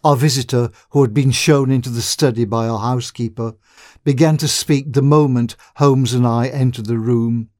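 A man reading a classic detective story aloud in a measured, unhurried narration. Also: mid-range voice, fairly even intonation, darkish tone.

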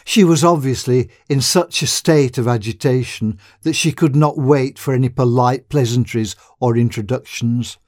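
A man reading a classic detective story aloud in a measured, unhurried narration. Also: medium pitch, darkish tone.

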